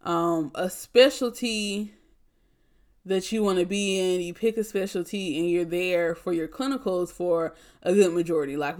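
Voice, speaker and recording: Podcast host, young woman, a bit low-pitched, chatty and animated, acts out what people said. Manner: chatty, animated, laughs often, acts out quotes. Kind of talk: casual storytelling chat.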